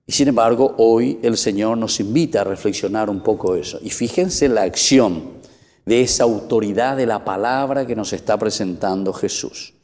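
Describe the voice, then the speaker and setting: Paraguayan priest preaching in a reverberant church. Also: male voice, lowish voice, moderate pace, darkish tone. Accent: Paraguayan Spanish. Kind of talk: sermon.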